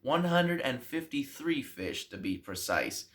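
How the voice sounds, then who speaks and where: A man, a pastor, telling a Bible story to children in a slow, deliberate way. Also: medium pitch, sing-song, fairly bright tone.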